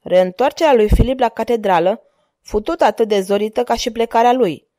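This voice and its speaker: A woman with a Romanian accent narrating an audiobook from a script in a measured, dramatic storytelling manner. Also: fairly high pitch, mellow, dry recording, studio quality.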